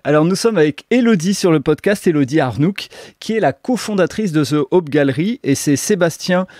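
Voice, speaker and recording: A man's voice: a little high, expressive, fairly quick, darkish tone, dry recording, studio quality. A man hosting a podcast, reading a welcoming intro, then interviewing his guest. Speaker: podcast host.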